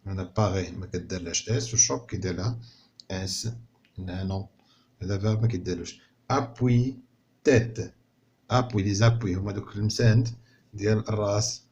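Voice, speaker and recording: A man's voice: lowish voice, fairly even intonation, fairly quick, darkish tone, muffled recording. A man with a Moroccan accent teaching a French spelling lesson, explaining patiently and often checking that pupils follow. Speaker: primary school teacher.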